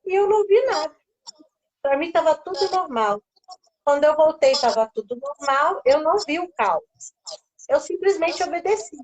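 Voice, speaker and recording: High-voiced Brazilian woman telling her story. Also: animated, normal speed, a little mellow, poor audio. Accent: Brazilian Portuguese. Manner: storytelling, acting out quoted voices. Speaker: guest on a live stream. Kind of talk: personal faith testimony.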